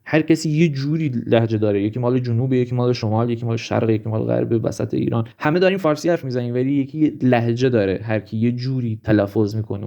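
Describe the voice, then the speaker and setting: A man's voice: mid-range voice, dark tone. A man talking casually in a vlog, animatedly listing example after example. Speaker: vlogger. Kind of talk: casual monologue.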